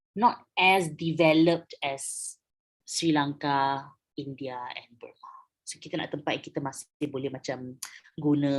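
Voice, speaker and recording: Low-voiced Malaysian woman teaching history. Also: a bit bright. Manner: code-switching, chatty, acts out quotes. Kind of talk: online history lesson.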